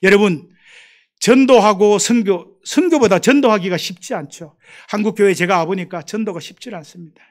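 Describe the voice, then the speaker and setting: A middle-aged man with a high voice preaches a sermon as a missionary. He tells stories from his past and then presses his listeners with mounting emphasis. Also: moderate pace. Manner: storytelling, rising to emphatic exhortation.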